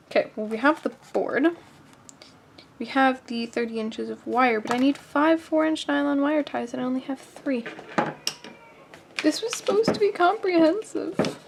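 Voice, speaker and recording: High-pitched woman hosting a casual how-to, joking asides, reads instructions aloud, bench camera mic. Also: vocal fry, background noise. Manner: chatty, self-mocking, jokey asides. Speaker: host. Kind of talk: casual soldering tutorial.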